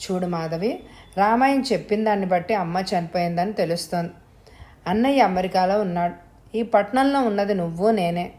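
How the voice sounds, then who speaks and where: A woman's voice: mid-range voice, fairly quick, darkish tone, natural voice. A woman reading the part of a grown son, urgent and commanding, with a calculating streak. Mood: persuasive. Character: adult son, anxious and calculating.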